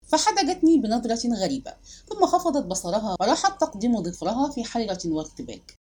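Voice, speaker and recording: A woman narrating a literary audiobook with expressive, dramatic storytelling. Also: on the high side, fairly quick, husky.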